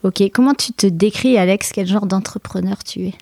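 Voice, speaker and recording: A woman's voice: mid-range voice, moderate pace, gravelly, mellow, no echo, studio quality. A woman hosting a podcast interview, asking friendly questions in a casual way. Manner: friendly, prompting questions with short backchannels. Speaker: podcast host.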